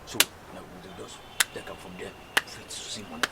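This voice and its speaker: A man's voice: lowish voice, normal speed, vocal fry. A man with a Nigerian accent playing a shifty, insistent scrap seller, speaking Nigerian Pidgin. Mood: conspiratorial. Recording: loud vehicle noise behind, clicks.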